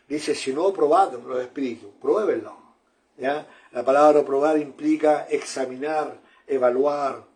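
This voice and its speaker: Earnest male preacher with a mellow, slightly raised voice. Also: a little high. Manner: earnest, repeats phrases, addresses listeners as brother. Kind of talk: sermon.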